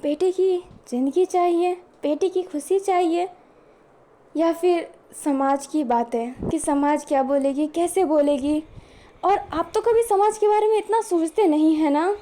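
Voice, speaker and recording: A woman's voice: extremely high pitch, unhurried, mellow. Woman voicing a bold, stubborn mother. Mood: coaxing. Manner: emphatic, coaxing. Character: bold, stubborn, loving middle-aged mother.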